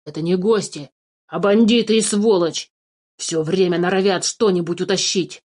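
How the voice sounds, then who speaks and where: A woman's voice: fairly low pitch, moderate pace, close to an everyday voice. A woman doing a fussy gray-bearded old dwarf. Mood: indignant. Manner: fussy, excitable, keeps cursing. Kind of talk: storybook reading.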